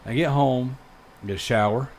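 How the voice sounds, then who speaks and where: A man in his thirties hosting a podcast, telling a long story in casual chat, rambling and animated with plenty of fillers. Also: medium pitch, normal speed, slight background noise. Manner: rambling and animated, lots of fillers like dude and freaking. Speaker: podcast host.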